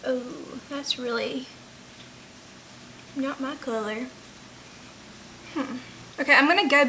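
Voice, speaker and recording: A woman's voice: high voice, bright, forceful tone, slight background noise. A young woman chatting casually through a makeup tutorial, peppering her sentences with "like". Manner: informal, frequent "like" as filler. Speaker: beauty vlogger. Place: indoors, rain audible outside.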